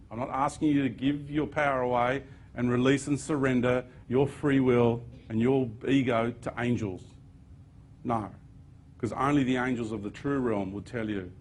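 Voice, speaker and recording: A man's voice: mid-range voice, a little mellow, a little hiss or hum. A man giving an earnest spiritual talk to an audience, with sudden emphatic bursts. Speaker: speaker.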